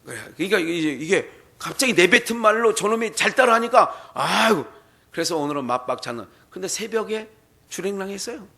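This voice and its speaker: A male pastor delivers a sermon in a church and tells a folk tale in an animated way. His voice is high and bright, and he often puts questions to the congregation. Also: normal speed, vocal fry. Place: church sanctuary.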